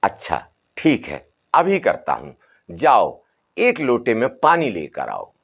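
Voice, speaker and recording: A man's voice: mid-range voice, huge pitch swings, takes it slowly, vocal fry, fairly bright tone, slightly rough, full character voice. A man voicing a stern, wily old holy man who keeps repeating his commands. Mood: insistent.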